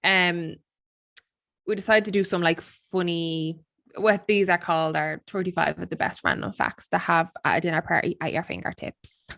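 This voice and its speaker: A woman's voice: fairly low pitch, animated, normal speed, gravelly, a bit bright, dry recording, studio quality. A woman in her twenties co-hosting a podcast over a video call, chatty and teasing and swearing freely. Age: 20s. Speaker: podcast co-host. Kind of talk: casual chat.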